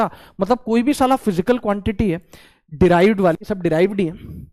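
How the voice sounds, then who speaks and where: A man's voice: very high-pitched, dry recording. A young man teaching a physics lesson for exam prep in a playful, slangy way, often acting out his students' replies.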